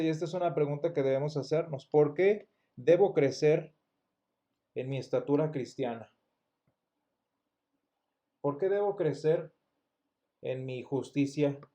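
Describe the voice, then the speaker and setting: A man gives a church Bible lesson in a mellow, slightly higher voice. He explains step by step, often restarts words and keeps putting rhetorical questions to his class. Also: unhurried, pauses often. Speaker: Sunday school teacher.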